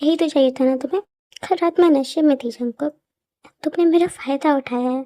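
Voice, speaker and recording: A woman's voice: high voice, brisk, dry recording, clean studio sound, lightly acted. A woman doing a furious, hurt young wife. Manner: accusing, bitter, shouting. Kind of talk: Hindi fan-dub audio drama.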